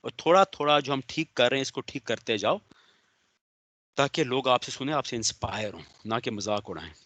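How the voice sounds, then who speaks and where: Male law lecturer, bright forceful tone, stern and sarcastic, dry close sound. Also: mid-range voice, moderate pace, no room sound. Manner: stern, sarcastic, calls on students by name. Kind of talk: online lecture, scolding and explaining.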